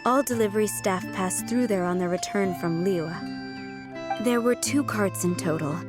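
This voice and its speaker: A woman's voice: medium pitch, measured pace, close to an everyday voice. A woman voicing a courteous, composed head housemaid in a video game, with polite, formal phrasing. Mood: relieved. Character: poised, courteous adult female head housemaid. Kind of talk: video game character acting. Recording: music under the voice.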